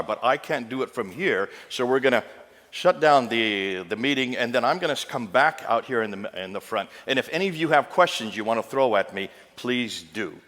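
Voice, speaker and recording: A man's voice: mid-range voice, a bit bright. A man giving an emphatic public lecture to a live audience, punching and repeating his key phrases. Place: large hall with an audience. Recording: long hall reverb.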